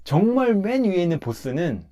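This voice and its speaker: Animated man explaining scripture. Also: high voice, normal speed. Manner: animated and emphatic, explaining step by step. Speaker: pastor. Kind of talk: conversational talk about a Bible passage.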